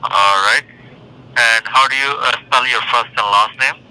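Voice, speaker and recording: Sharp, very bright male telemarketer on phone. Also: medium pitch, fairly even intonation, normal speed. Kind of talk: phone sales screening questions. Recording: telephone call with faint noise.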